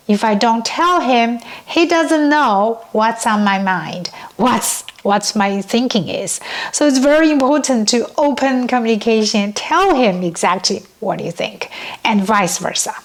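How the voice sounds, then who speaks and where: A woman's voice: fairly high pitch, a little slow. A middle-aged woman from China with a Chinese accent, chatting casually about relationships in simple, non-native English, often checking in with "right?". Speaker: co-host. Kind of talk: casual advice chat.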